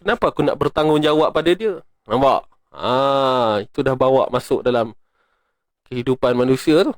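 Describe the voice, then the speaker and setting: A middle-aged man with a Malaysian Malay accent, teaching Quran recitation in a casual, joking online lesson and drilling sounds slowly. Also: medium pitch, animated, no room sound.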